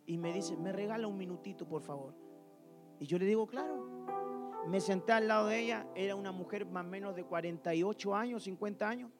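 A man's voice: high voice, a little fast, music in the background. A man preaching a sermon to a congregation in a church, telling stories and firing rhetorical questions at the listeners.

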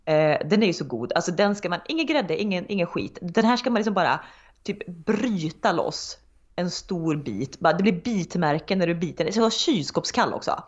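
A frank, emphatic woman chatting casually, her fairly low voice swinging up and down in a lively way. The sound is dull and lo-fi. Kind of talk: casual chat.

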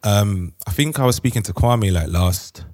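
A man's voice: on the low side, animated, moderate pace, a little mellow, dry recording, studio quality. A man with a London roadman accent hosting a podcast in casual, playful, slang-heavy banter. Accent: London roadman, multicultural urban slang. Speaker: podcast host.

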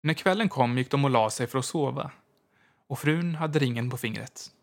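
A man in the middle pitch range reads a ghost story aloud. His delivery is slow and measured, and it draws out the tense moments. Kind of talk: scripted narration of a ghost story.

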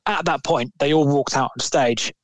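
A man's voice: a little high, moderate pace, no echo. A man, co-hosting a podcast and telling a long, rambling story in casual chat, swearing now and then. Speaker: podcast co-host.

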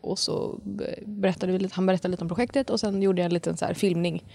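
A woman in her thirties, a comedian guest, telling stories in a lively, casual way with lots of fillers. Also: medium pitch, gravelly. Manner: lively storytelling with frequent fillers and laughs. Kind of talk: casual podcast chat.

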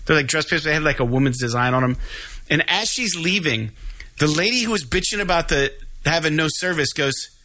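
A man co-hosting a casual podcast, telling a profane, animated story and acting out the other people's lines. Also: a little high, fairly quick. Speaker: podcast co-host.

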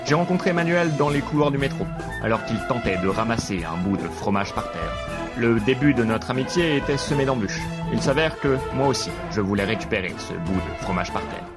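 A man playing an eccentric, self-important father who fancies himself a detective, leaving a rambling voicemail. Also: medium pitch. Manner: rambling, pompous, absurdly earnest monologue. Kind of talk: comedic voicemail sketch. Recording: music playing underneath.

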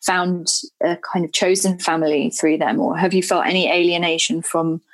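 A woman's voice: on the low side, steady tone, normal speed, rough recording. A woman interviewing guests, who asks curious, encouraging questions.

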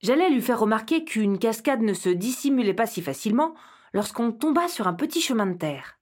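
Woman storyteller, first-person children's narration, lively, slightly husky. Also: a little high, fairly quick.

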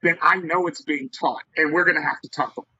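A man's voice: fairly high pitch, fairly even intonation, fast, sharp tone, husky. A man on a podcast giving emphatic, preachy advice about parenting. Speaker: podcast guest. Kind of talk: casual podcast chat. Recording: dull lo-fi audio.

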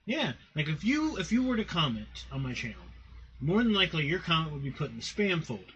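Slightly high-voiced man hosting casually. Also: very animated, fast talker, a bit bright, lo-fi sound, a little hiss or hum. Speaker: podcast host. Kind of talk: casual podcast chat.

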